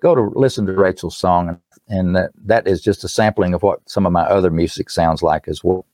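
A man's voice: low voice, brisk, darkish tone, no echo, clean studio sound. An older man with an East Tennessee accent, explaining things in a folksy, earnest conversational way as an interview guest. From East Tennessee, United States. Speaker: musician and author, interview guest. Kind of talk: conversational promotional talk.

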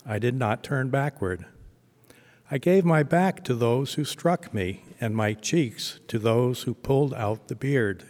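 A man reading scripture aloud in a church, slow and deliberate, with cathedral echo around his voice. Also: mid-range voice, darkish tone. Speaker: scripture reader. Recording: long church hall reverb.

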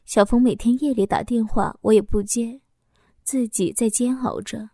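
A woman narrating a first-person audio story in a soft, intimate voice that at times drops to a whisper. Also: a little high, fairly even intonation, moderate pace, no echo, studio quality.

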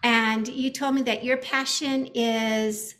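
A woman's voice: fairly high pitch, fairly even intonation, slow, fairly bright tone. A woman hosting a webinar, introducing and questioning a guest in an earnest, welcoming manner. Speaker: webinar host. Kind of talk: webinar interview.

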